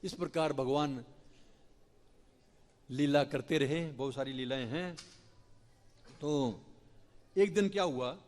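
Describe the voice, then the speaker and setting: Lively male preacher in a temple hall. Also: fairly high pitch, slow, pauses often. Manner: lively, animated storytelling. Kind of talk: storytelling sermon.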